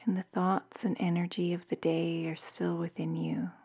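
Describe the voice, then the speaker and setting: A woman guiding a bedtime meditation in a soft, soothing, half-whispered voice, like a sleep story narrator. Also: fairly low pitch, little pitch movement, normal speed, creaky, husky. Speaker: meditation guide.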